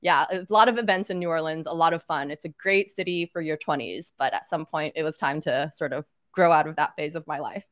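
Talking through a webcam from a room at home, this Arkansas woman in her thirties is a podcast host and guest being interviewed over video call. Her low voice moves a little fast with few pauses and a fairly bright tone, and the sound has studio quality with no echo. She chats casually, leaning on "like" and "you know."

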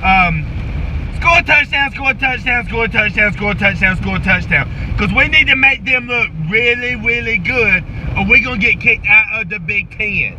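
A man's voice: high-pitched, normal speed, natural voice. A man with an American accent playing a folksy, commanding football coach giving a repetitive halftime pep speech in a comic parody. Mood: urgent, insistent. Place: inside a moving car. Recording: muffled phone recording with car road noise.

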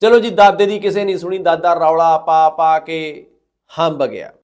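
A man tells a story with dramatic, moralizing scorn. His voice sits fairly high for a man. He acts out the words of the people in the story as he goes. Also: fairly even intonation, normal speed, a little mellow. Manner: moralizing, scornful, quotes others in their voices.

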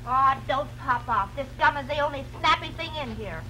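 A woman's voice: high voice, lively intonation, sharp tone. An actress playing a slangy, wisecracking female juror in an early talkie film. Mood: snappy. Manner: slangy, drawn-out delivery. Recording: faintly noisy old film soundtrack, people behind.

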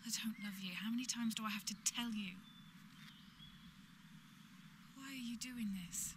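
A woman's voice: fairly high pitch, fairly even intonation, fast, noisy background, natural voice. A woman playing an exasperated, defiant stalking victim in a drama, blunt and dismissive. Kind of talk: dramatic dialogue acting.

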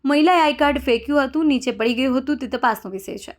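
Brisk high-voiced woman news reporter.

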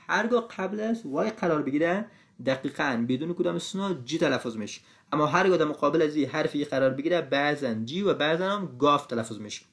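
Man drilling English letter sounds. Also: a little high. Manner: drills each sound slowly with repetitions. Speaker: English teacher. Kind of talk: phonics lesson.

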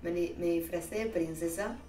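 Telling stories to her stream chat, a woman with an Argentine Spanish accent chats in a slangy way and laughs at herself. Her voice sits fairly low and warm, at a normal speed. The audio is roomy, with a distant mic and faint music.

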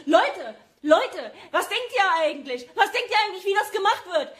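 A woman's voice: extremely high pitch, big pitch swings, moderate pace, a bit bright. A German woman in an agitated livestream rant, repeating herself and speaking straight to her viewers. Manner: agitated, repetitive, addresses viewers directly.

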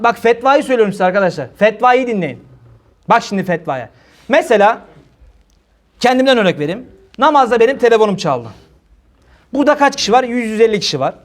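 A man giving a humorous religious talk to a congregation, joking and telling stories, mimicking people and laughing at his own jokes. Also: high-pitched. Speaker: preacher. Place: mosque or hall with a congregation.

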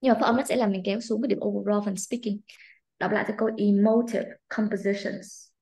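A woman's voice: medium pitch, fairly even intonation, rapid-fire, gravelly, darkish tone. A Vietnamese woman, an English teacher, drilling a student's pronunciation with strict, corrective remarks in a one-on-one lesson. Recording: echoey room.

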